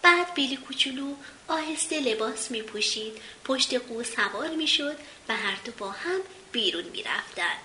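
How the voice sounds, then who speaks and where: A woman reading a children's storybook aloud in a gentle, measured way, in a roomy recording with faint hiss. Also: sits high, lively intonation.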